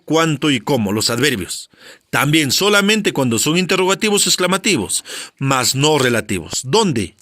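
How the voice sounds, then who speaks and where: A male grammar teacher gives a spelling lesson, constantly quizzing with rhetorical questions and short checks for understanding. His voice is fairly high-pitched, recorded at studio quality with no echo.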